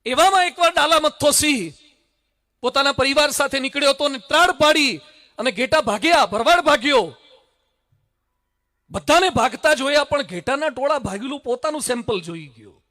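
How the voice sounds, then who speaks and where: A man giving a dramatic stage speech full of stories, swinging from loud to hushed. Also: very high voice, lively intonation, moderate pace, pauses often. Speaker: public speaker. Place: stage at a public event.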